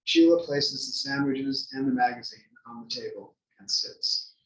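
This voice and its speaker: At a table read in a library room, a man reads the script's stage directions in a medium-pitched voice at a moderate pace. The mic is distant and the room echoes.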